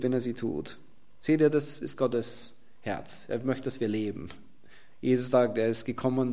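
A male preacher giving a sermon and reading scripture, swinging from loud emphasis down to a soft near-whisper. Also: mid-range voice.

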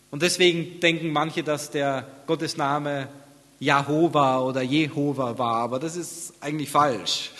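Man preaching in a reverberant hall. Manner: swings from soft, near-whispered reflection to loud, high-pitched scripture reading. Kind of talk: sermon.

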